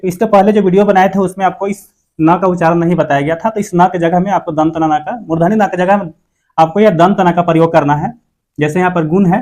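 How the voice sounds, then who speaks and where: A male teacher giving an exam-prep language lesson, explaining step by step and repeating words slowly for the viewer. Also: high-pitched, a little mellow.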